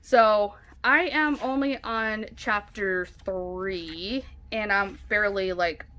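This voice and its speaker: A woman's voice: medium pitch, takes it slowly, bright, forceful tone. A woman chats loosely about what she is reading. Her talk wanders and is full of fillers like "like" and "um.". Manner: chatty, rambling, many fillers like "like" and "um". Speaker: book vlogger. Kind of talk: casual chat. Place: home, with a dog nearby.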